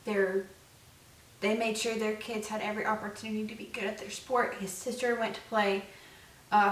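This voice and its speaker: This young woman co-hosts a vlog, her medium-pitched voice fairly bright as she chats loosely and rambles with many fillers. The room is echoey and the mic is placed some distance away.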